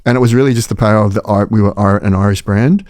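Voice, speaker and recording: A middle-aged Australian man speaking as a podcast guest, rattling along at a brisk clip in a fairly low, mellow voice. He sounds keen and chatty and circles back over his phrases as he works out his thoughts. The sound is close and dry, with almost no room around him. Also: dry recording. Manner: quick, enthusiastic, repeats phrases while thinking. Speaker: podcast guest, company founder. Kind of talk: casual interview talk.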